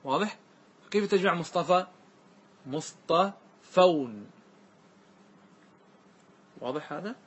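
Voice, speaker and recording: A man teaching a grammar class, who questions his students often and repeats key points. He recites verse lines slowly and draws them out. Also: a little high, animated, fairly bright tone, husky, dull audio. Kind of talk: classroom lesson.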